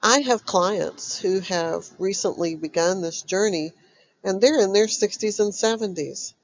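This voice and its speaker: A woman hosting a motivational self-help talk as a coach, speaking deliberately and sounding stuffy from an illness. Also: mid-range voice, rough recording. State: stuffy, recovering from covid. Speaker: host and recovery coach.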